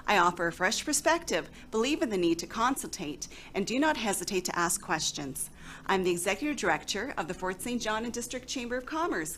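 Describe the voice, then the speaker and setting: A woman's voice: fairly high pitch, fairly bright tone, a little hiss or hum. A woman seeking re-election to city council, formally reading her credentials as a campaign statement. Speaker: council candidate.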